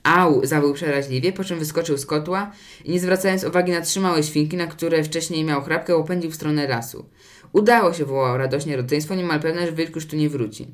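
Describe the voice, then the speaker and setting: A man narrating a children's fairy tale in a lively, expressive storybook reading. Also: fairly high pitch, brisk.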